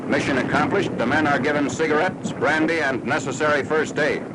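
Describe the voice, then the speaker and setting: A man's voice: on the high side, fairly even intonation, a little fast, very noisy. A man reads scripted military newsreel narration in a formal, matter-of-fact 1940s style, on an old film soundtrack.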